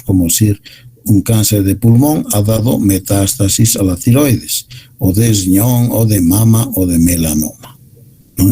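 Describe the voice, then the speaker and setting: A man giving a university medical lecture, explaining slides in a measured way. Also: on the low side, dark tone, a little hiss or hum, low-quality recording.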